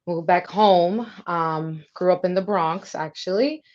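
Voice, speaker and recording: A woman's voice: lowish voice, measured pace, a little mellow, muffled recording. A young woman from New York, a military recruiter, answering interview questions in a friendly, chatty way with many fillers.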